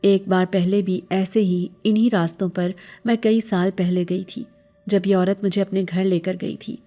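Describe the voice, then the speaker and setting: Mellow-voiced woman narrating a sorrowful tale. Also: mid-range voice, little pitch movement, soft background music. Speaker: storyteller. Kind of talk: scripted first-person horror narration.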